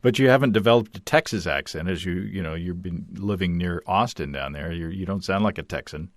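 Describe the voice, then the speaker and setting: A man's voice: low-pitched, brisk, no echo. A man hosting a podcast, reading listener notes aloud in an easygoing, chatty way. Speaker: podcast host.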